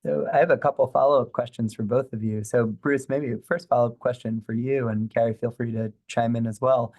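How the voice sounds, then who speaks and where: Hoarse man moderating a panel. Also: medium pitch, fairly even intonation, brisk, darkish tone. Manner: asking long rambling questions. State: hoarse, lost voice. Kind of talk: panel discussion.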